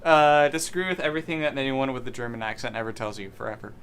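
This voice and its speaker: A young man hosting a stream, chatting casually over drinks in an animated, self-mocking way, swearing often. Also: mid-range voice, quick pace, a little hiss or hum. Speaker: streamer host. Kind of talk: casual chat while drinking.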